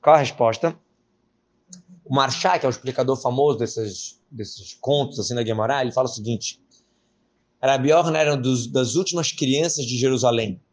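A man giving a casual, lively Torah lesson, retelling a Talmud story with Hebrew terms and slang. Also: medium pitch, normal speed.

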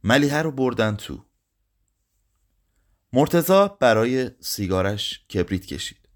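A man's voice: medium pitch, animated. Somber male literary narrator. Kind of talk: literary audiobook reading.

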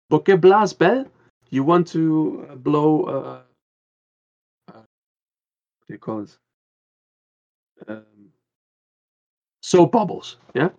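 A man's voice: on the high side, a little mellow, lo-fi sound. A man from the Caribbean, a guest on a podcast, talking in an earnest, rambling way with many restarts. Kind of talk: casual podcast conversation.

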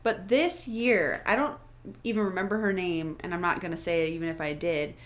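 Young woman, podcast co-host, chatty, animated storytelling. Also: lowish voice, fairly quick. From Florida. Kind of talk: casual chat.

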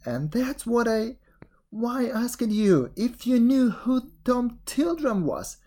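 Woman reader doing a wide-eyed sexton spinning a spooky yarn, slow and animated. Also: full character voice. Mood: excited, eerie. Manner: breathless storytelling, rising pitch, wondering. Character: excitable middle-aged male village sexton. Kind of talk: storybook reading.

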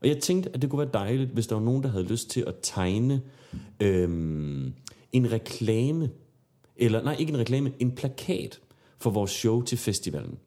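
A man's voice: mid-range voice, big pitch swings, warm tone. A man with a Danish accent co-hosting a casual podcast, talking in an informal, candid, rambling and sometimes sweary way. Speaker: podcast co-host.

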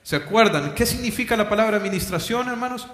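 A man's voice: high-pitched, expressive, quick pace, a bit bright. A man preaching a sermon as pastor, often asking rhetorical questions and addressing the congregation as brothers. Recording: echoey hall with long reverb.

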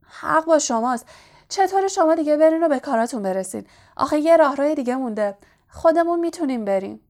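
A woman voicing a nervous schoolboy wizard in an audiobook reading, hurried and stammering. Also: sits high, expressive, darkish tone, pitched above the performer's own voice. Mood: eager.

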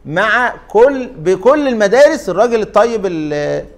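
A man with an Egyptian Arabic accent gives an interactive lecture to a class in a fairly high voice. Very animated and speaking at normal speed, he keeps throwing questions to the students and drags out his fillers while he thinks.

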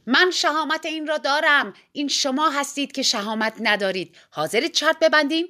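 A woman's voice: fairly high pitch, animated, fairly bright tone, voice pushed up. Brief: tiny showy male joker, as a woman reader puts him on, theatrical and mock-grave. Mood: boastful. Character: tiny jesting male engineer, showy and playful.

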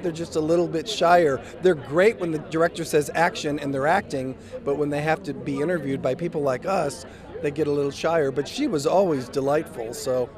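A man giving casual live commentary outdoors on a red carpet. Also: a little high. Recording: busy outdoor crowd behind.

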